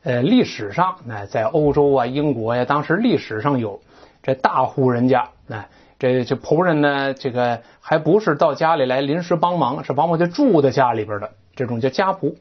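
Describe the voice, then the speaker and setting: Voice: medium pitch, expressive, moderate pace. An English teacher a burr on word endings. They give a lecture on textbook vocabulary, explaining step by step and putting questions to the class. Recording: dull lo-fi recording.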